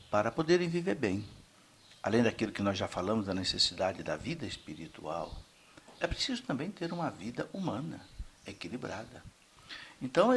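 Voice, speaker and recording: A man's voice: fairly low pitch, vocal fry, husky. A middle-aged man preaching a folksy sermon, often checking in with his listeners.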